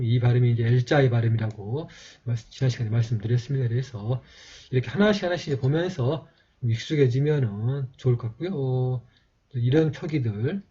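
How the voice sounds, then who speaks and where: Halting man lecturing on old scripts. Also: mid-range voice, dark tone, breathy edge. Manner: slow, halting explanation with many fillers. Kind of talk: lecture on a video channel. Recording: dull, muffled lo-fi audio.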